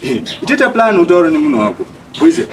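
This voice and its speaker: Comedy skit buddy played by a man: pushy, street-smart Zimbabwean guy, slangy, high-voiced, very lively pitch. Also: quick pace, slight background noise, low-quality recording. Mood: urging.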